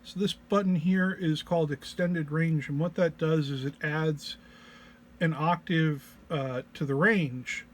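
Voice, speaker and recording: Recorded on a single mono microphone with noticeable background noise, a man walks through an audio effects patch informally as a presenter. He sounds unwell and low-energy, his delivery hesitant and halting, yet his tone stays steady.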